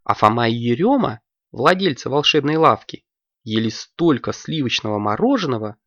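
A narrator reads a children's fairy tale with lively, animated delivery. The voice carries a slight gravelly texture. The recording is dull and dry, like a lo-fi home studio. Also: medium pitch, moderate pace, dry recording. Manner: lively, expressive storytelling.

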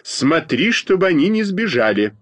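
A man voicing a bossy schoolgirl class leader who speaks in a firm, drawn-out, lecturing way, in a storybook reading. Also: fairly high pitch, big pitch swings, fairly bright tone, no echo, voice pushed up. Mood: commanding.

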